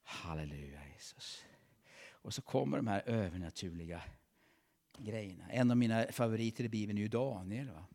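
A man's voice: lowish voice, lively intonation, vocal fry, mellow. A man preaching a fervent sermon in a church, calling out praises between his points. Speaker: pastor.

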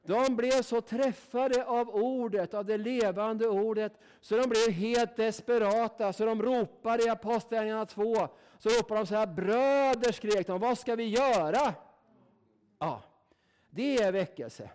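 A man's voice: high voice, a little mellow. A man from Sweden preaching a sermon in a folksy, emphatic way, often tagging his sentences with a questioning "right?". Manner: folksy, emphatic, keeps asking "va?".

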